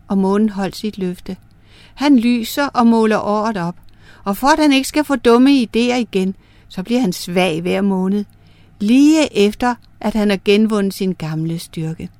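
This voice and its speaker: A woman narrating folk myths as a storyteller, in a lively, clear way. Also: medium pitch, dry recording.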